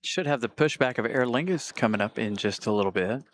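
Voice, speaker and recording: A man's voice: mid-range voice, a little fast, no echo. A man hosting a plane spotting livestream with casual, conversational live commentary. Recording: faint ambient noise.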